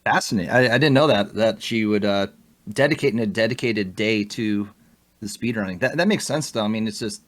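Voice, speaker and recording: A man's voice: on the low side, fairly quick. A young man as a podcast guest, talking casually and animatedly, laughing often and restarting his sentences. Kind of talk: casual interview chat.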